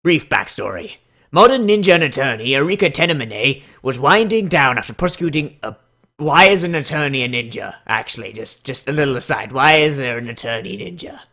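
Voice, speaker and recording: Sarcasm, theatrics and foul language mark this YouTube host's casual comedy commentary and mock dramatic readings. His voice is medium in pitch with a sharp tone.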